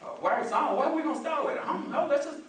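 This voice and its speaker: Male preacher, very high-pitched, booming motivational delivery, insistent repetition, heard in a cavernous echo. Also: lively intonation, very fast. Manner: shouts emphatically, repeats phrases for the congregation to echo. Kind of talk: booming motivational sermon with call and response. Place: large echoing room with responding congregation. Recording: very echoey hall, distant mic.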